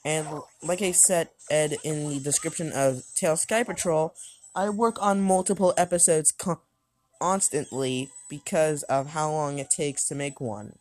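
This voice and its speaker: A woman's voice: low voice, measured pace. A woman giving rambling, hesitant commentary over an arcade game she is reviewing, often restarting and correcting herself. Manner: talks loudly over game music at times. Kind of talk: gameplay commentary.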